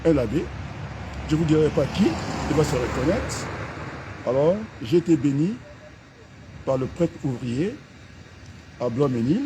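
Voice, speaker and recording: A middle-aged man from the Republic of the Congo. He gives an impassioned, mocking political rant outdoors, filmed on a camera held by a companion, with sudden loud outbursts. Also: mid-range voice, background noise. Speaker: political activist.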